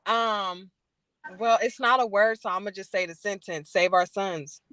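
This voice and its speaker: A woman's voice: mid-range voice, fairly even intonation, moderate pace, pushed and bright, smooth, dry recording. A woman guest on a podcast, chatty and playful, in a mid-range voice. The sound is dry and close. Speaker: writer and guest. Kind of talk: casual conversation.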